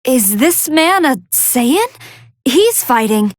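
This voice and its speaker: A woman voicing a polite, soft-hearted female android scientist who gives formal, earnest and expressive commentary on fights in a video game. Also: high voice, takes it slowly, dry recording, studio quality, full character voice. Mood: composed, curious. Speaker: match commentator.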